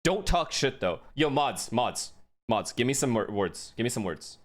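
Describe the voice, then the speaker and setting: Lively excitable male streamer. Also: medium pitch, moderate pace. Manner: excitable, profane, talks to chat. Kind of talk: live esports watch-along commentary.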